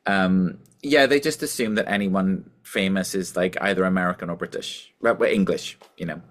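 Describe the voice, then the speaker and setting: Welsh-accented man, low chatty voice. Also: normal speed. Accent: softened Welsh. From Wales. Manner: chatty, self-deprecating, frequent fillers. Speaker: musician guest. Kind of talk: casual interview chat.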